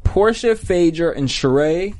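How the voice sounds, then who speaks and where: A woman's voice: fairly low pitch, animated, a little slow, darkish tone. An American woman hosting a casual recap chat in a gossipy, joking, slangy way. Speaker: host leading a reality TV recap.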